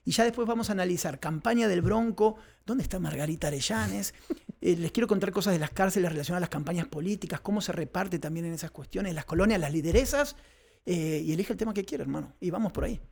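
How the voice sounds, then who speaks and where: A man's voice: high-pitched, fast talker, creaky, darkish tone. A man from Argentina, co-hosting a podcast and giving emphatic, opinionated views in casual chat, now and then swearing. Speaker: podcast co-host.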